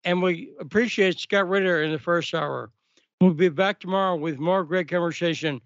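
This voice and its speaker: Guy hosting talk radio, pretty high voice, dry muffled sound. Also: normal speed, a bit bright, no echo. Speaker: radio talk show host.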